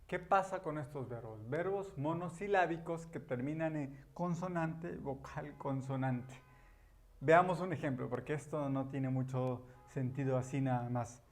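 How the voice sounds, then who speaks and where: A man's voice: a little high, measured pace. A man teaching a grammar lesson at a board, patient and repetitive, with frequent affirming fillers. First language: Spanish. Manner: patient, repeats key words, many "ujú" and "ajá" fillers. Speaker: English teacher.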